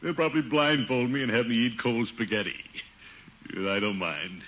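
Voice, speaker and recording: An actor playing a pompous, easily rattled middle-aged official in a 1950s radio sitcom, with a booming laugh. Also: male voice, moderate pace, a bit bright, lo-fi sound, natural voice. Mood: blustery. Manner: boisterous laugh, blustering then nervously talking to himself. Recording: hissy old radio broadcast recording.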